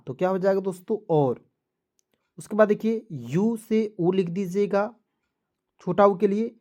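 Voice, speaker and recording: A man's voice: high voice, a little mellow. Man teaching spelling, patient and repetitive. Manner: repetitive, addresses viewers as friends, checks with "ठीक है". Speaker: online English tutor. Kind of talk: step-by-step spelling lesson.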